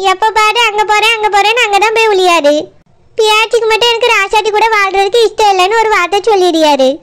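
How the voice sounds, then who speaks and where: A woman playing an older village sister-in-law with a Tirunelveli Tamil accent, firm and blunt as she comforts and scolds. Her voice sits very high for a cartoon. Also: a bit bright. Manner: scolding, consoling.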